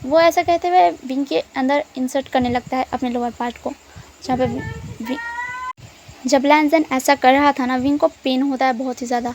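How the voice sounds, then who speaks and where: A woman's voice: high-pitched, fairly even intonation, moderate pace, a little mellow, slight background noise. A woman casually retelling a story in a chatty way, mixing in English words.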